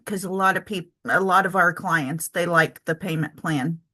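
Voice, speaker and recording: A woman's voice: fairly low pitch, fairly even intonation, normal speed, bright, forceful tone. A woman giving a casual spreadsheet tutorial for her travel business, chatty and thinking aloud with lots of ums and self-corrections. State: has the hiccups. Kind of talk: casual screen-share tutorial.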